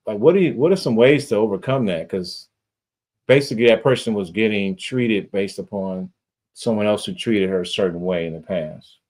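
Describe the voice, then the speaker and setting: Low-voiced casual man hosting a podcast. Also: darkish tone. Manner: casual, rambling questions with fillers. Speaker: podcast host. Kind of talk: podcast interview.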